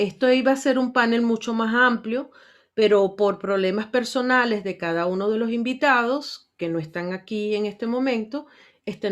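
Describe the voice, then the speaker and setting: Chatty woman hosting an astrology panel. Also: mid-range voice. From Venezuela. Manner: warm, chatty, frequent "este" fillers. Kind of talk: casual online panel hosting. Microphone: video call.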